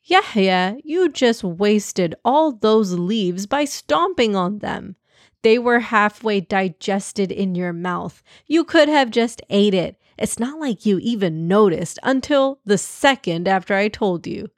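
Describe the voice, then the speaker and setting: A calm, sensible young giraffe sister talks slowly and patiently, gently scolding, as a woman storyteller puts her on. The sound is close and dry, with no room behind it. It is a children's audio story. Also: mid-range voice, no echo. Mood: reproachful.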